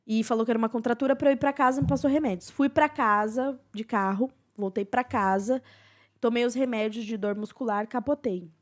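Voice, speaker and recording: A young woman, a podcast guest telling a personal testimony in an earnest, emotional way with soft, hushed passages. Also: a little high, fairly quick.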